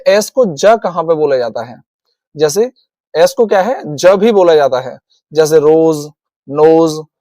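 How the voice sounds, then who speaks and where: In a classroom-style video lesson on English pronunciation, a man with an Indian accent speaks in a high, mellow voice. The recording is dry and close, with no echo or room sound. He keeps calling his viewers "guys" and repeats each rule as he works through it.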